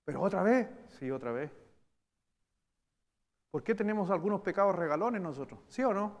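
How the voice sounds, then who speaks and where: A man with a Chilean Spanish accent preaching a sermon as pastor. He swings between loud emphatic bursts and slow, quiet stresses. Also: high voice, lively intonation. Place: church hall. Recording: long church-hall reverb.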